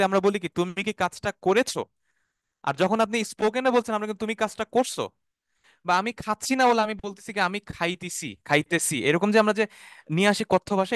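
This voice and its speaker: A man's voice: high voice, fairly bright tone, clear, resonant tone, no echo. Man, Arabic teacher, online class, repeats words, dry close sound. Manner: explains slowly, repeats terms, checks "ঠিক আছে?"; has students repeat words after him.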